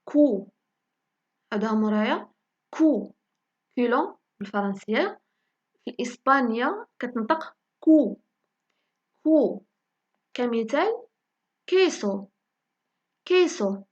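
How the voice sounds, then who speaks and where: A woman with a Moroccan Arabic accent teaching a language lesson, saying each example word slowly and repeating it for learners. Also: a little high, lively intonation, highs cut off. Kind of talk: spoken lesson in Moroccan Darija.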